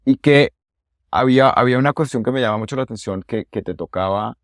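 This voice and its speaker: A man's voice: medium pitch, fast talker, no room sound, clean studio sound. A man hosting a podcast interview as an English coach, talking in a conversational and enthusiastic way and often repeating a word before going on. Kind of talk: casual interview.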